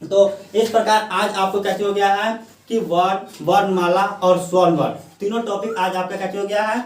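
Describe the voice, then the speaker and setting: A male teacher giving a grammar lesson, who asks questions and answers them himself and dictates slowly word by word. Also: high voice, steady tone. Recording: echoey room, mic at a distance.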